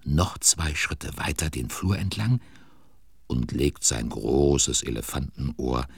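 A man narrating a children's audio drama as a dramatic, deliberate storyteller with a gravelly voice. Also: a bass voice, lively intonation, dry recording, studio quality, heavily acted. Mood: suspenseful. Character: storyteller of a children's tale, attentive and suspenseful.

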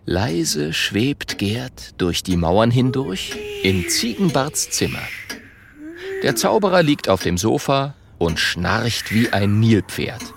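A man narrating a children's audiobook in a slow, expressive storytelling manner. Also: medium pitch, creaky, noisy background.

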